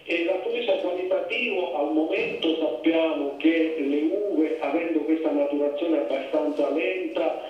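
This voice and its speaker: Guy from sicily calling in on speakerphone, muffled and far off, booming echoey hall, lots of eh pauses. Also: faint music behind. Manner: measured and informative, with frequent hesitation fillers. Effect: heard over a speakerphone in a hall. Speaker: wine institute expert reporting by phone. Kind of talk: spoken technical report to a conference.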